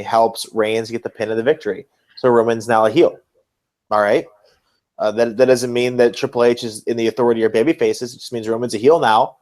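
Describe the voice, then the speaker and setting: A podcast co-host with a medium-pitched, darkish voice talks casually about wrestling, using informal slang and some swearing.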